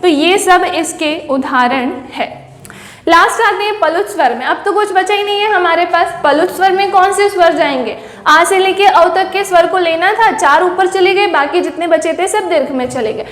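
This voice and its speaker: A woman teacher with a very high voice gives a classroom-style lesson. She keeps putting questions to her listeners and then answers them herself. Her voice rings around a roomy space with a long reverb. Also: normal speed, fairly bright tone. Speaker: Hindi teacher. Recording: echoey room with long reverb.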